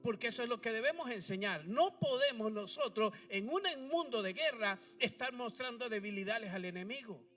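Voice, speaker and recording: A man's voice: sits high, lively intonation, moderate pace, hardly any pauses, bright, forceful tone. A man preaching a sermon, firing rhetorical questions and calling on the congregation to repeat after him. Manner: preaching with rhetorical questions and call-and-response prompts. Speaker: pastor. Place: church. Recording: distant mic with faint music behind.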